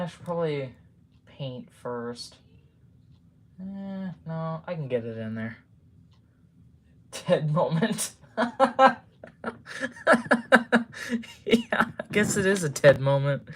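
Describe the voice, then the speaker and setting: A man's voice: mid-range voice, slight background noise. A man chatting casually on a live stream while building model trains at a home workbench, rambling with lots of fillers and casual swearing.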